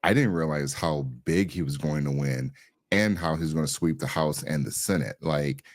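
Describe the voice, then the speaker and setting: A man's voice: extremely low pitch, moderate pace, no echo, clean studio sound. A man co-hosting a podcast, talking in a loose, colloquial way with plenty of fillers. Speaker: podcast co-host. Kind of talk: casual political chat.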